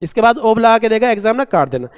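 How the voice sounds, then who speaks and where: A man teaching a vocabulary lesson, asking and answering his own questions and reading English examples out slowly. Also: high-pitched, big pitch swings. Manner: asks and answers his own questions, calls students "beta". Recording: long echoing reverb.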